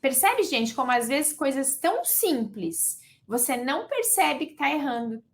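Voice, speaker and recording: A woman teaching sales techniques in a lively, conversational way, acting out sales calls as she goes. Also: sits high, unhurried. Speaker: sales trainer. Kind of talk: conversational teaching with role-play examples.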